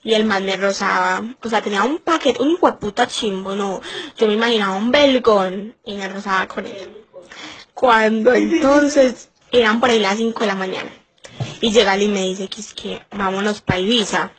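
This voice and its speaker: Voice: mid-range voice, moderate pace, fairly bright tone, natural voice, low-quality recording. A performer playing a crude, chatty young Colombian woman with a Paisa accent, confiding a story with dramatic exclamations in a comic monologue. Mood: gossiping.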